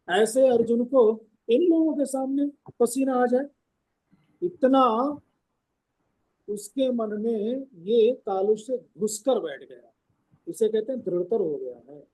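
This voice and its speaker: A man teaching a scripture discourse at an ashram. He speaks loudly and emphatically and explains the verses term by term. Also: very high voice, poor audio. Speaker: spiritual teacher.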